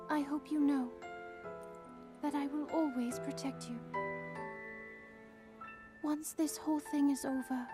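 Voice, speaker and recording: Man voicing a gentle young fish-woman princess, high pitch, soft and earnest, music behind.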